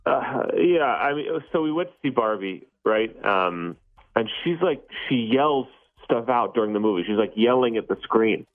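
A man's voice: medium pitch, lively intonation, normal speed. A man talking over the phone in a casual call, sheepish and hesitant, with many fillers. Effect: heard over a phone line. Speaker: caller on a radio dating segment. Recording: tinny phone line with faint music.

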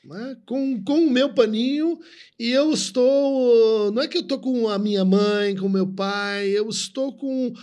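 A man's voice: very high-pitched, unhurried, darkish tone. A man, co-hosting a conversation and explaining concepts in a lecturing way, often tagging sentences with a questioning "right?". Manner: lecturing, frequent "né?" tags.

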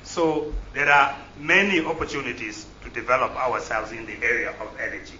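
Man as a live interpreter, bright echoey sound. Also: medium pitch, moderate pace. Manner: hesitant, repeats phrases with fillers while translating. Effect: live interpreter voice over the original speech. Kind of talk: live spoken interpretation at a press event. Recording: echoey, dull sound with faint room noise.

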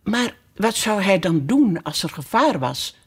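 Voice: mid-range voice, sing-song, a little slow, husky, pitched above the performer's own voice, full character voice. A storyteller voicing a shy, polite and curious young girl who asks questions hesitantly. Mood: timid.

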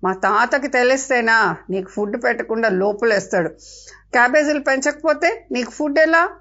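A woman voicing a bossy young girl who scolds sharply in a high voice. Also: moderate pace, fairly bright tone. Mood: scolding. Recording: dull lo-fi with faint music.

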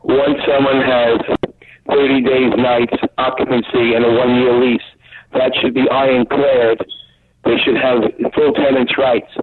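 A man's voice: medium pitch, little pitch movement, unhurried, heavy background noise. A man calling in by phone on speaker, his voice echoing through a second device; he rambles and corrects his own words. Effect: echoing speakerphone call heard through a second device. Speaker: caller. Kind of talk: call-in question on radio. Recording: tinny phone line with echo.

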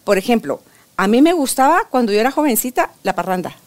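An older woman in a casual interview, sharing relationship advice with her granddaughter in an emphatic, animated storytelling manner. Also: on the high side, fast.

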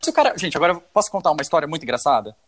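A man's voice: on the high side, very animated, racing, a bit bright. A Brazilian man, a guest influencer, chatting bluntly and crudely, with jokes, on a casual podcast. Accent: Brazilian Portuguese.

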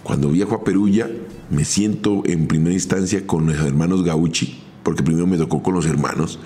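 Man, Colombian accent, middle-aged, very low voice, measured podcast storytelling, faint background hiss. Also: dark tone. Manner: measured, recounting step by step. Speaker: former footballer telling his career story. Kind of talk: first-person podcast storytelling.

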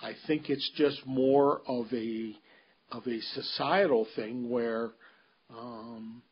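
A man giving a casual solo recap of a golf tournament, pausing often with ums and restarting his sentences. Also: mid-range voice, fairly even intonation, breathy edge, muffled recording. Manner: halting, many ums and restarts, measured. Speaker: golf commentator. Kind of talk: unscripted solo commentary.

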